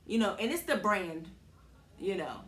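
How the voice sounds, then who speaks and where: A woman's voice: medium pitch, sing-song, unhurried, fairly bright tone. A woman co-hosting a casual podcast, blunt and teasing, with plenty of cursing. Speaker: podcast co-host.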